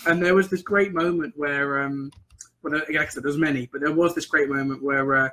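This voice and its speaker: A man's voice: on the high side, steady tone, a little fast, pushed and bright. A man who runs tabletop games, rambling through game stories in casual chat and laughing often. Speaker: game master.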